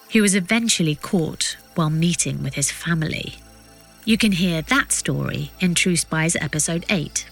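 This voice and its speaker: A woman reading scripted documentary narration as a podcast narrator, with measured, suspenseful storytelling. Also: lowish voice.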